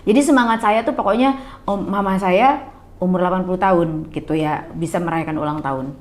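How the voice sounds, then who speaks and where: A woman's voice: lowish voice, fairly quick. A middle-aged woman, a guest, earnestly telling a personal story and acting out other people's words in their voices. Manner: earnest, often acts out others in quoted voices. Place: coffee bar.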